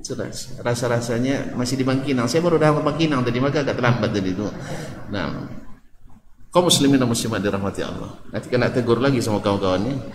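A man's voice: medium pitch, fast, a little hiss or hum. A man with an Ocu Malay accent giving an Islamic study lecture, asking the audience questions and joking as he teaches. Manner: lively, jokes with the audience, asks questions. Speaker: preacher. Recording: echoey hall, faint ambience.

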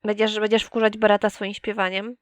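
A woman's voice: medium pitch, little pitch movement, moderate pace, no room sound. A young woman chatting casually as she plays a life-sim game, teasing the characters and talking to them directly. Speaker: gaming YouTuber. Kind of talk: casual let's play commentary.

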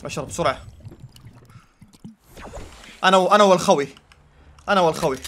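A man's voice: high-pitched, brisk, fairly bright tone, slight background noise. A young man giving live gameplay commentary, frantic, yelping and pleading. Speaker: gaming YouTuber.

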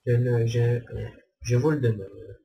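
Young guy rambling over his gameplay, slow and flat, mellow low voice. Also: creaky, highs cut off. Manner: rambling, hesitant, repeats himself. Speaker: gamer. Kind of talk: casual gameplay commentary.

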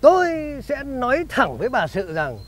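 A man's voice: very high-pitched, wildly swooping pitch, normal speed, fairly bright tone, exaggerated voice. An actor playing a crafty, bossy male schemer in a comedy sketch, talking down to others. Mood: smug. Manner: bossy, ends phrases with a teasing "nhá". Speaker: comic actor.

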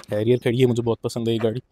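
A young man vlogs his way around an outdoor car lot, chatting and explaining for the camera with some English mixed in. His mid-range voice is warm, and a faint hiss or hum sits underneath.

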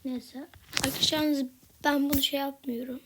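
A woman giving casual gameplay commentary in a soft, half-whispered voice, a little sick with a slightly rough voice. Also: high voice, level tone, normal speed, noisy background. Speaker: gaming channel host.

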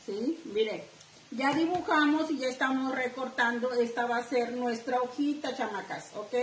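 A middle-aged woman with a northern Mexican accent leads a live craft class from her home, chatty and talking straight to her viewers. Her voice sits high and her pace is unhurried. The room is echoey, with a faint hiss underneath. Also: far from the mic. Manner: chatty, addresses viewers directly. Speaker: craft teacher.

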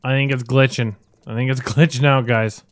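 Man doing casual gameplay commentary, mid pitch. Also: steady tone, normal speed, no echo. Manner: jokey, self-mocking, thinking aloud. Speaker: gaming video host.

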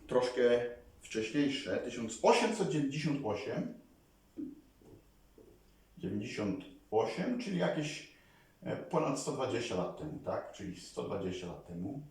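A man talking casually to his viewers as a vlogger, rambling and animated, often calling on them to listen. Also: mid-range voice. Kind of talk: casual talk to camera. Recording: very echoey room, mic far away.

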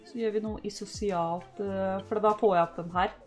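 A young woman from Norway chatting casually through a life-sim game, cheering her sim on loudly at times. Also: mid-range voice, steady tone. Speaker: gaming YouTuber. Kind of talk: casual let's-play commentary. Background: faint game music.

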